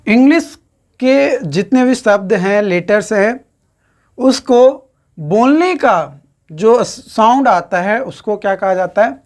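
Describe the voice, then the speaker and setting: A woman gives a recorded exam-prep lecture at an unhurried pace. She counts out syllables one by one and echoes her own questions back as answers. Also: mid-range voice, lively intonation, a little mellow. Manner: slow, repeats questions and answers to students; counts syllables aloud while writing. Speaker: teacher.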